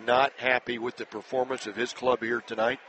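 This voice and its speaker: A man announcing a live high school basketball game play-by-play, brisk and climbing higher and louder when a play breaks open. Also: level tone, rough recording. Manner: brisk, rising sharply in pitch and volume on big plays. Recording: broadcast with loud crowd noise.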